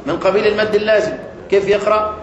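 A man's voice: high-pitched, fairly even intonation, very fast, muffled recording. A man with an Egyptian accent teaching a class on recitation rules, often asking the class questions and repeating key words. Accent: Egyptian Arabic. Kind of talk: classroom lesson explaining a poem on tajweed rules. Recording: echoey room with faint noise.

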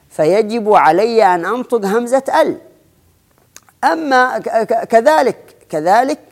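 Man slowly teaching Arabic spelling. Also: high-pitched, gravelly, darkish tone. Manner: slow, deliberate, drawn-out example words, frequent restarts. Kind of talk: explanatory lesson.

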